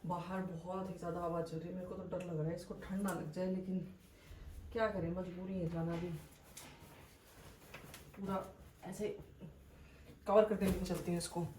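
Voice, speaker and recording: Young woman from India, home vlogger, chatty, mellow warm voice, phone camera in a home. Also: fairly low pitch, flat delivery, normal speed, long pauses, slight background noise. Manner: chatty, talks to camera while getting ready. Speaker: vlogger and mother. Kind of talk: casual home vlog narration. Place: home, indoors.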